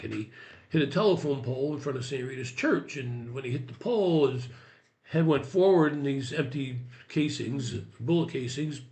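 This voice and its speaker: A man in his sixties, a podcast guest, telling a story casually and acting out the dialogue he recounts. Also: mid-range voice. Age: 60s. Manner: animated retelling, acts out quoted dialogue.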